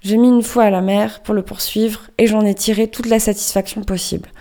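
A shaken sea captain, as a woman reads him in a storybook reading. He stumbles and restarts, wary of the whale. The voice stays mellow and dark. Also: medium pitch, steady tone, natural voice. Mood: rattled. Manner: halting, stammering. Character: rattled English sea captain, one-armed, wary.

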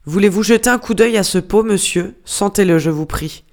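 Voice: mid-range voice, normal speed, lightly acted. Reader putting on a grumpy sea-mate guy, all sarcasm, firing questions one after another, audiobook. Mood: sarcastic. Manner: mocking, hammering rhetorical questions. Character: irate, sarcastic male ship's mate scolding a steward. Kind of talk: audiobook character reading.

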